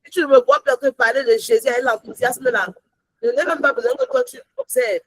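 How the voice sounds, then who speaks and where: A woman teaching a Bible study in a lively, animated way, mixing in English phrases, sometimes near-shouting with joy, then dropping low and soft. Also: brisk, slight background noise, rough recording. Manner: rises to joyful near-shouts, drops to soft low asides.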